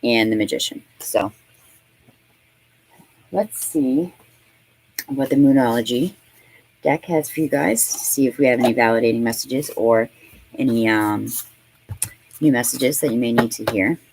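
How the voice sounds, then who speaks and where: A woman's voice: rumbling low, a little slow, long pauses, a little mellow, a little hiss or hum, poor audio. A woman in her thirties giving a casual tarot reading, chatty and profane, laughing often and talking with plenty of fillers. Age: 30s. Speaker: tarot reader.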